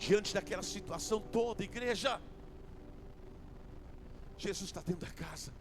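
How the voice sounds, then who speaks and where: A man preaching a fiery sermon as a bishop in a church, with a Brazilian accent, shouting in repetitive refrains and then dropping to a hush. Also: sits high, normal speed, noisy background. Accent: Brazilian Portuguese. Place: church sanctuary. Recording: music playing behind the voice.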